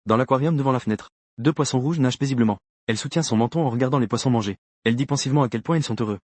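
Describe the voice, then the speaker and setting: A man narrating a first-person story for a comic dub with a rapid, even delivery. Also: medium pitch, no echo.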